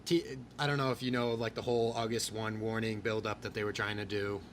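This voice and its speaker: A man hosting a podcast in casual chat, rambling and excitable with crude jokes. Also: lowish voice, a little fast, a little hiss or hum. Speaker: podcast host.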